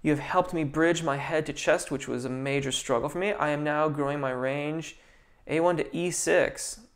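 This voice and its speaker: This vocal coach, a man with a higher-than-average voice, takes viewers' questions on an easygoing, talkative stream. His pace is moderate, and he fills it with ums and restarted thoughts.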